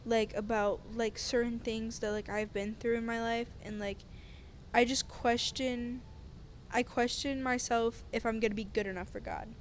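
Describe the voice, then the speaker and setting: A woman's voice: a little high, level tone, normal speed, a little hiss or hum. A woman talking earnestly and hesitantly in a casual podcast chat, often searching for her words.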